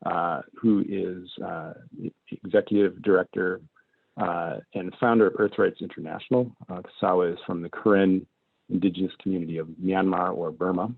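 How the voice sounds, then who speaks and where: Deep, gravelly man, panel moderator, steady with plenty of ums, thin dry phone-like call audio. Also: no echo. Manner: measured, many ums and uhs. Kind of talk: online panel discussion.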